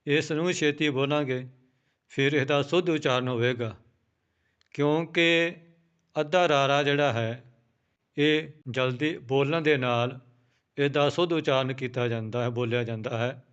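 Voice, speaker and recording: A man teaching scripture pronunciation, spelling out each word letter by letter and repeating it slowly. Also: mid-range voice, a bit bright, smooth, highs cut off. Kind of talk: slow, careful recitation lesson.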